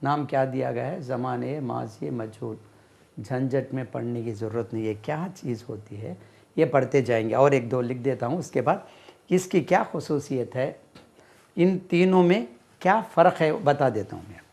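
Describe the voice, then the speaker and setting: A man teaching English grammar, repeating words slowly while he writes on a board. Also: medium pitch, creaky, a little mellow. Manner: slow, repeats words and spells them out while writing. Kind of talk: classroom-style lesson explaining grammar.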